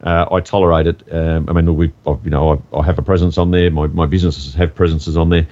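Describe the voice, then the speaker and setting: A man co-hosting a podcast, talking in a measured, hesitant way with many pauses. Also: sits low, level tone, darkish tone, highs cut off. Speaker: podcast co-host. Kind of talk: casual chat.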